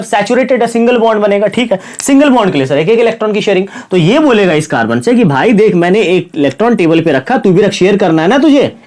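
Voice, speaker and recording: Speaking in a high voice that's a bit hoarse from a sore throat, this man teaches chemistry as if in a classroom. He quizzes his students, supplies the answers on his own, and keeps coming back to key words while addressing everyone as "kids" and "brother."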